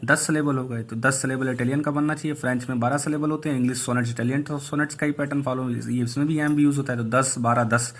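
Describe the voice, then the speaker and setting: A male English teacher going through exam questions one by one, reading each aloud slowly and explaining the answers. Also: mid-range voice, fairly even intonation. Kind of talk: online exam answer review.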